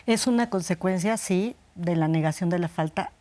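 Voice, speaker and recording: Thoughtful woman guest, low-pitched. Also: moderate pace, warm tone. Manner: thoughtful, restarts mid-sentence. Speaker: guest expert. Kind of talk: studio conversation on psychology.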